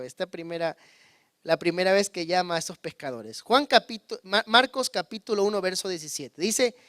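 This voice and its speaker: A pastor with a high, dry-sounding voice preaches a sermon in a dry recording. He has the congregation repeat words after him and swings between loud emphasis and hushed, low asides.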